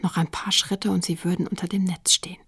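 Lady reading as a bold young girl, hushed and tense, slightly raspy. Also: lowish voice, level tone, brisk, whispered, heavily acted. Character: plucky girl gang leader.

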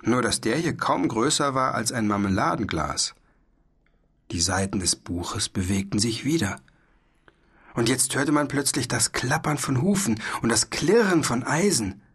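Male narrator for a children's audiobook, husky yet bright tone, measured and expressive. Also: medium pitch. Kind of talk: children's story reading.

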